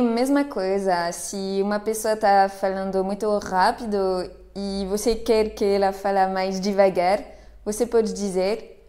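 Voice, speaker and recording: A woman gives a patient spoken lesson, saying each phrase and then repeating it. Her delivery is unhurried and deliberate, and her voice has a soft, mellow tone. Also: mid-range voice. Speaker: language teacher.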